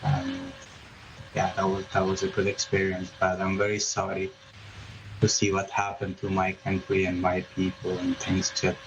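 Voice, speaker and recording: A man's voice: low voice, monotone, normal speed. A man, a journalist speaking as a guest in a remote news interview, hesitant, with many fillers and restarts. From Afghanistan. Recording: muffled remote line with background noise.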